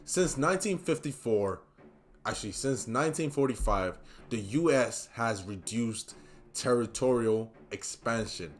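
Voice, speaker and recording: A man hosting a solo commentary show, speaking emphatically, repeating key points for stress and slipping in casual asides to the listener. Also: medium pitch. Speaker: podcast host.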